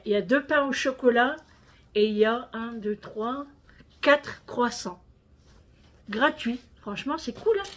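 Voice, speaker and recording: A French woman chatting casually to her viewers in a home vlog, talking to them as friends. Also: on the high side. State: out of breath. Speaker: vlogger.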